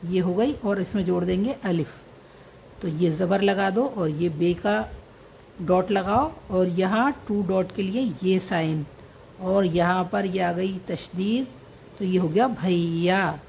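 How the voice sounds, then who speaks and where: Woman teacher, unhurried lesson delivery, spells out words and repeats them, faint background hiss. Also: on the low side, gravelly, darkish tone. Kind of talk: slow explanatory script lesson.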